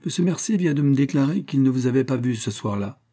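Stern interrogating judge, voiced by a male reader: curt, authoritative, warm-dark timbre. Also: medium pitch, lively intonation, fast, voice pushed up, lightly acted. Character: stern male investigating judge, severe and commanding.

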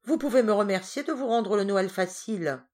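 Woman doing a shrill, bossy young heroine. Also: normal speed, darkish tone, natural voice. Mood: mocking. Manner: commanding, shrill. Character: teasing bold young woman with revolver.

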